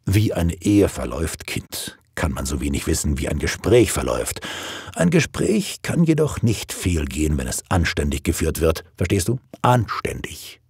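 Stern, proper father figure, deep and husky, lecturing, as a narrator puts him on. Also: sing-song, darkish tone, dry recording, heavily acted. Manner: strict, lecturing, measured.

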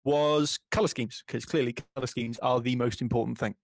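A man's voice: mid-range voice, fairly even intonation, a little fast, gravelly, a little hiss or hum. A man hosting a quiz segment on a podcast over an online call, upbeat and wry. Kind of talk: casual chat.

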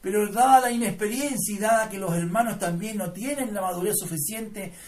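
Fervent Chilean pastor, heard from afar. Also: male voice, high-pitched, fairly quick, a little mellow, recorded from a distance, a little hiss or hum. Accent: Chilean Spanish. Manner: fervent, folksy, addresses listeners as brother. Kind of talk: live sermon with personal testimony. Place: church service.

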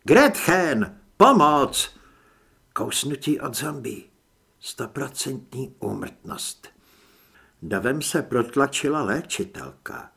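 A man's voice: medium pitch, gravelly, fairly bright tone, slightly rough. A man narrating an audiobook in a dramatic first-person reading. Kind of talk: scripted narration.

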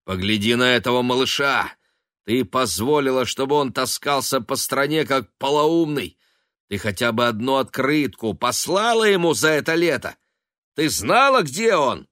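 A man voicing a scornful young man who mocks and shouts at his mother with contempt. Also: lowish voice, slow, dry recording, clean studio sound. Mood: sneering. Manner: mocking and contemptuous, often shouting.

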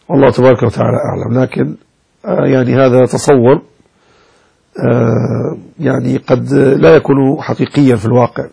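On a low-quality recording, a man teaches a religious lesson in Maliki jurisprudence, speaking with a Moroccan Arabic accent. His mid-range voice is gravelly, warm and slightly rough. He explains a legal text, shows how words are pronounced and speaks directly to his listeners.

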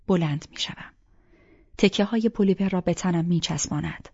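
A woman reading a first-person audiobook in a soft, intimate voice that often sinks to a half-whisper, on a dull lo-fi recording. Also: on the low side, husky. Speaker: audiobook narrator. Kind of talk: first-person scripted narration.

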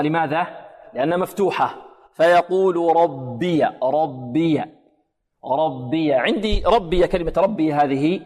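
Sheikh teaching Quran recitation, reverberant. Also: male voice, high-pitched. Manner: didactic, poses rhetorical questions to listeners; demonstrates pronunciation by chanting words slowly. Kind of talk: radio tajweed lesson.

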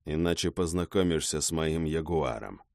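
A man voicing a calm, protective male adventurer who speaks low and clipped through his teeth. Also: moderate pace, gravelly, no room sound, studio quality, heavily acted. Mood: steely.

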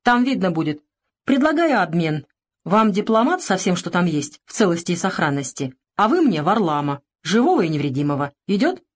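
A woman's voice: on the low side, sing-song, fairly quick. A woman reading the lines of a curt, angry young man, a former soldier, in an audiobook. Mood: gruff. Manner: curt, gruff.

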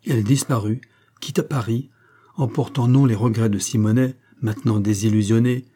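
Male narrator for a pulp adventure audiobook, husky and steady. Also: mid-range voice, normal speed. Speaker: audiobook reader. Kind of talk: scripted narration of a pulp novel.

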